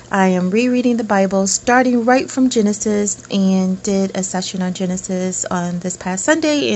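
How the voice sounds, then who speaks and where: A woman calling in to a live broadcast, speaking in a thankful and soft way. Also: medium pitch, a little hiss or hum. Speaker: caller. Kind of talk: casual call-in remarks.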